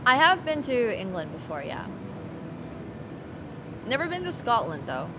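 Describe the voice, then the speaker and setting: Amid heavy background noise, a Finnish woman with a fairly high, very animated voice speaks at a measured pace. Playing poker on a casual live stream, she thinks aloud in rambling bits and talks with her viewers.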